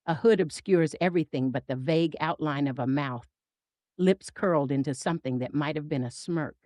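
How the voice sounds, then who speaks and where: A woman's voice: low-pitched, normal speed, dry recording. Woman narrating dramatic horror, dry close sound. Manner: intense, expressive storytelling.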